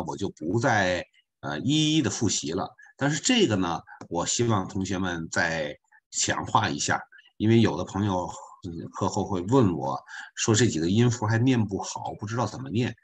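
Low husky man teaching online. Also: big pitch swings, normal speed. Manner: patient, repeats points, chatty asides. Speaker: volunteer French teacher. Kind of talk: online beginner language class. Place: online video class.

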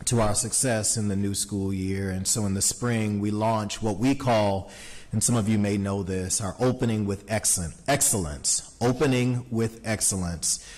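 Measured man speaking at a board meeting. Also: lowish voice, darkish tone. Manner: measured, with frequent fillers and restarts. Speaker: school superintendent. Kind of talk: formal meeting report. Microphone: desk microphone.

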